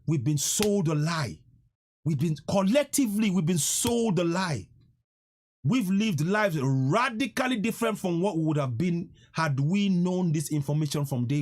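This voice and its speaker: A man in his fifties hosting a live stream, making an impassioned, pleading appeal to his viewers, often repeating himself and stammering when moved. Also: a little high. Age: 50s.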